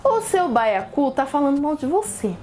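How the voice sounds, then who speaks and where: A woman's voice: high-pitched, big pitch swings, moderate pace, mellow. A woman voicing a scheming, gossipy little male fish in a children's story, with a sly, whiny manner.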